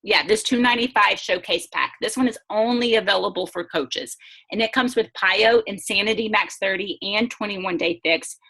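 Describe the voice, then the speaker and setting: An upbeat woman talks through a casual online presentation, chatty and quick to laugh. Her pitch sits in the middle range, and she is heard through a video-call mic. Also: creaky, sharp tone, husky. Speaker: host.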